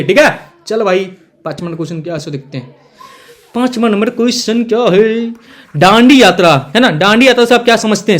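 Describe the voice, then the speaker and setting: A young man teaching an exam revision lesson, casual and jokey, calling his students beta and bhaiya. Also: high voice.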